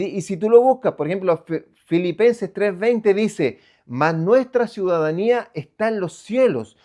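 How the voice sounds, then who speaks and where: A Chilean pastor preaching with emphasis and a fairly high voice for a man. He asks his listeners questions and answers them right away, and his voice swells loud on key phrases. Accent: Chilean Spanish. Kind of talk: sermon.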